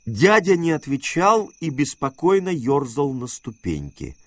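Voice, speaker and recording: A man reads a novel aloud in a measured storytelling manner. His voice is fairly high for a man, with lively pitch. The sound is dry and close, with no room echo. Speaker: audiobook reader.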